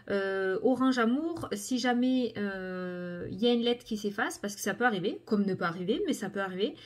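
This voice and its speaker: A middle-aged woman hosting a casual review video, chatting with lots of fillers while showing items to the camera. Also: on the high side. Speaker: cartomancy video host. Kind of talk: casual product review chat.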